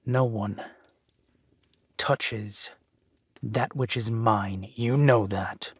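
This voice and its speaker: A male actor voices a ruthless, possessive villain duke of low birth in an audio roleplay, phrasing each line with menacing deliberation. The heavily acted performance is angry and menacing, his slightly rough voice recorded dry.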